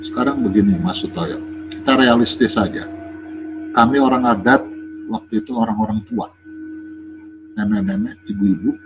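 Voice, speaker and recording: A man guesting in an interview, telling personal stories in a casual, lively way and often breaking into laughter. The sound is muffled and lo-fi. Steady noise runs behind him. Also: medium pitch. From Indonesia. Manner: animated, laughs while telling anecdotes.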